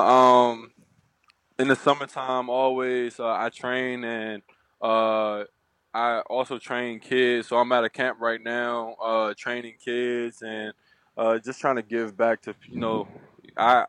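A young man, a former basketball player, speaking as an easygoing, soft-spoken podcast guest. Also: mid-range voice, clean tone, no room sound. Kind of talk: casual interview.

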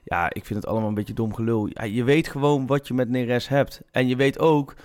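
A man's voice: medium pitch, a little fast, a little mellow. A man with a Brabant-Nijmegen accent, a football journalist co-hosting a casual podcast chat, firm and opinionated. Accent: Brabant-Nijmegen Dutch.

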